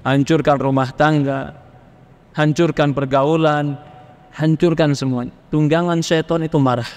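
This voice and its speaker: Male preacher, fairly high voice, animated delivery, long reverb of a hall. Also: unhurried. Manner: lively, acts out questioners from the congregation. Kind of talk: Islamic sermon on marriage.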